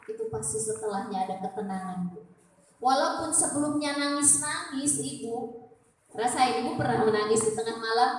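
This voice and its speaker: A woman teaching a religious study group for women, speaking conversationally with tag questions and quiet, humble prayers voiced aloud. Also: fairly high pitch. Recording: very echoey room, voice from far off, faint noise.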